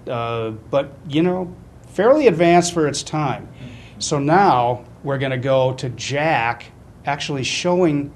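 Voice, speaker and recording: Wry older man over faint rumble. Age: middle-aged or older. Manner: chatty, wry, self-deprecating. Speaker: webcast host. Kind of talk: casual webcast commentary. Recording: noticeable low rumbling background noise.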